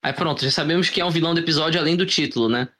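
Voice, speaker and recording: A man's voice: on the high side, racing, fairly bright tone. A Brazilian man co-hosting a podcast, giving a casual, chatty recap. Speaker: podcast co-host.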